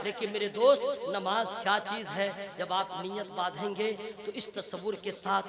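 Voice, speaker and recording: A male preacher with a strikingly high voice delivers a sermon to a large gathering. He slips between soft, teasing asides and fervent shouted exhortation. The sound rings through an echoey hall, with a crowd audible behind him. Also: steady tone, moderate pace. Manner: swings from quiet teasing asides to impassioned shouting. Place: large gathering, religious meeting.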